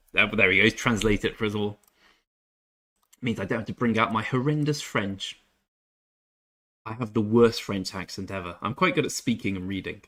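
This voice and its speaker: A young man from England chats casually on a game stream, reading chat aloud and making self-deprecating jokes. His voice is lowish, bright, and forceful.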